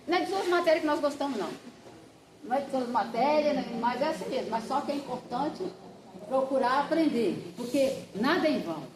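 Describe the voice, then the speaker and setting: A woman's voice: high-pitched, a little hiss or hum. A woman pastor teaches a Bible class, talking straight to her students and acting out anecdotes as she goes. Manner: chatty, animated storyteller who acts out quotes and addresses the class directly. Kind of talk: classroom lesson with personal anecdotes. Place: church classroom with a group of students. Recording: echoey church room with class audience.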